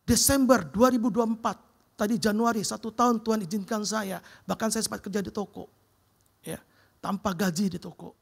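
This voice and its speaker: A man preaches his testimony in an animated, storytelling way. His voice is gravelly and husky. He throws slangy asides at the listeners between sermon lines. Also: high-pitched.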